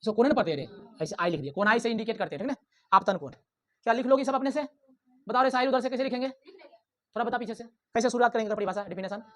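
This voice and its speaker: A male teacher, teaching a physics lesson in a classroom. He talks loudly and quizzes the class, then answers his own questions. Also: very high voice, animated, very fast. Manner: loud, drilling, asks the class questions and answers himself. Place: classroom with students.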